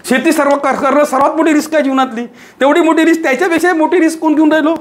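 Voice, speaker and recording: An extremely high-pitched man speaks rapid-fire with fairly even intonation, giving a motivational lecture as a teacher to a live audience. He leans on rhetorical questions and relentless repetition.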